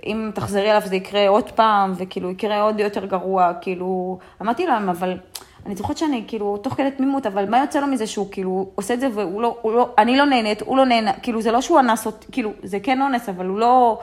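A young woman telling a personal story in the first person, halting and soft-spoken, with many fillers and restarts that often trail off. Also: mid-range voice. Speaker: guest sharing a personal story.

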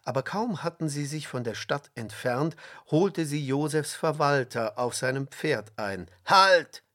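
A man reading a storybook aloud with slow, expressive narration and dramatic pauses. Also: medium pitch. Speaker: reader.

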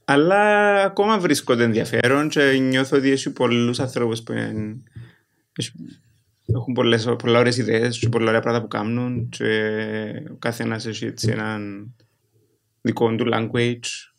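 Creaky-voiced man with a Greek Cypriot accent. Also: medium pitch, fairly even intonation. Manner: mixes English words into his speech. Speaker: interview guest, writer and performer. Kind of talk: casual interview chat.

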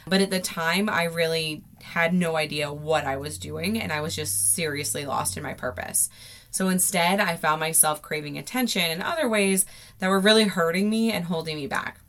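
A woman's voice: low voice, moderate pace, a bit bright. An American woman podcasting from inside a closet, telling personal stories in a casual, gushing, informal way. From South Florida, United States. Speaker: podcast host. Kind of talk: casual, chatty personal storytelling.

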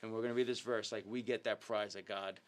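A man's voice: on the low side, steady tone, fast. A man hosting a live youth ministry talk show, speaking casually and earnestly with lots of ums and uhs as he shares updates and a devotional. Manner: filler-heavy, earnest, upbeat. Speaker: youth ministry leader and host.

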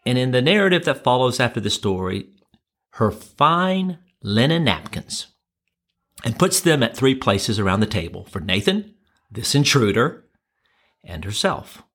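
A male preacher telling a story from the pulpit, pacing himself with dramatic pauses and bursts. His voice sits in an ordinary middle register and carries an easy storytelling rhythm. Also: medium pitch, big pitch swings, a bit bright. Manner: measured, dramatic storyteller with varying tempo. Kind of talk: sermon storytelling.

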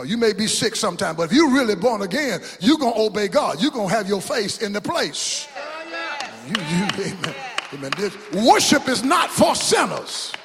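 A man preaching a sermon as pastor, rising into shouts and call-and-response in a church. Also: sits high, creaky, slight background noise. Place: church sanctuary. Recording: long hall reverb.

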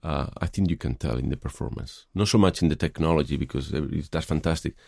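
A middle-aged film director from Spain, speaking with a Spanish accent in a deep, gravelly, mellow voice, answers interview questions thoughtfully and hesitantly, pausing on many fillers. The recording is close and dry.

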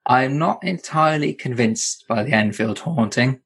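Wry man with a husky voice. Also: medium pitch, fairly bright tone. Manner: wry, deliberate, mock-serious asides. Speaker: podcast co-host. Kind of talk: casual conversational chat.

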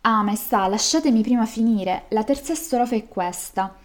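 A woman's voice: a little high, normal speed, lightly acted. A woman voicing an anxious male servant who pleads with his king while reading a folk tale aloud. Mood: pleading. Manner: pleading, fretful.

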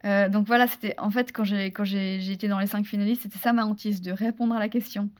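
A woman from France, a guest in a casual interview, telling a story in a lively, chatty way with many restarts and fillers. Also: mid-range voice, fast talker. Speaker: interview guest, former beauty pageant contestant.

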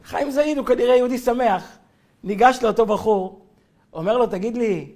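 A rabbi delivers a weekly Torah lesson, moving from story to teaching. His voice sits unusually high for a man, and he tells the tale with energy, acting out the characters and chuckling along the way. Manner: animated storyteller, acts out quotes, chuckles while telling.

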